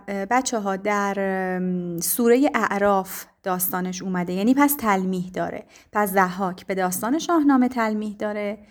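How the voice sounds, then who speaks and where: A woman teacher explaining poetry to her students, speaking patiently with frequent pauses and fillers. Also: mid-range voice. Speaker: literature teacher.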